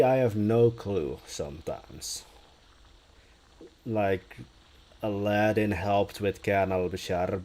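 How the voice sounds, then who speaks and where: A young man who speaks Dutch is talking in English during a live stream, building something as he goes. His voice is low and mellow, his pace slow and drawn out. He relaxes into musing aloud and answers viewers' questions as they arrive.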